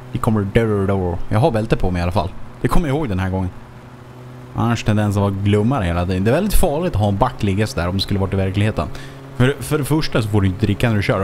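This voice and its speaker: A man's voice: lowish voice, darkish tone, slight background noise. A man giving casual let's play commentary as a gaming YouTuber, chatting to himself with frequent swearing and chuckles.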